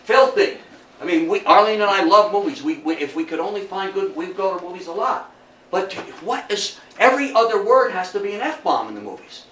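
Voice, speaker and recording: This older lecturer's voice is high and sing-song, a bit bright, and fairly quick as he gives an informal, folksy history talk to an indoor audience, putting rhetorical questions to them. The audio sounds roomy and distant, with faint noise.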